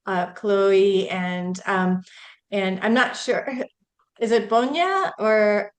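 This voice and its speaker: A woman hosting an online award ceremony, moderating in a relaxed way with frequent fillers. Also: medium pitch, very slow. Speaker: ceremony host.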